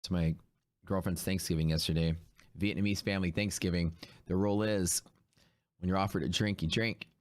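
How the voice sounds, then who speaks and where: A man's voice: low-pitched, fairly even intonation, fairly quick, no echo, clean studio sound. A hungover man chatting casually and in laid-back slang as he hosts a livestream. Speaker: host of a live day-trading stream.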